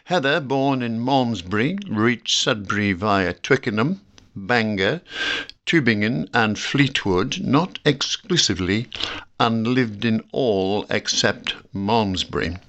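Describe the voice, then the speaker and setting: A man from Newcastle upon Tyne reading his own reflective essay about home, measured and dryly precise. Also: lowish voice, expressive, a bit bright. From Newcastle upon Tyne, England. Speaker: guest contributor reading his own piece.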